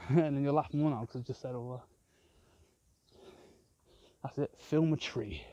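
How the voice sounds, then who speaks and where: Sweary man with a very dark voice. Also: medium pitch, slow pace, dry recording, dull audio. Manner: swears constantly, chatty and rambling. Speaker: vlogger. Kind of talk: rambling walk-and-talk vlog. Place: outdoors in a park. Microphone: handheld phone camera.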